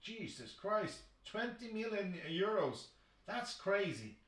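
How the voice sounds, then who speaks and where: A man hosting a football chat stream. He talks excitably, swears often, and restarts his sentences a lot. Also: high voice, slow pace, roomy sound, distant mic, low-quality recording. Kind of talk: live football commentary chat.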